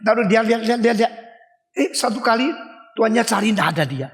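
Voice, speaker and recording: Older male pastor, high voice, animated sermon, reverberant hall. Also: fast talker. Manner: animated, acts out voices and dog barks, asks the audience questions.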